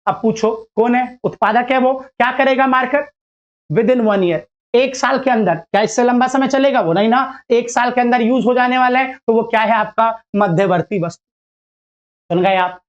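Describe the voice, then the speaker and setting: A man's voice: very high voice, moderate pace, lo-fi sound. A male teacher giving a casual lecture to students, chatty and playful, acting out little dialogues as he explains.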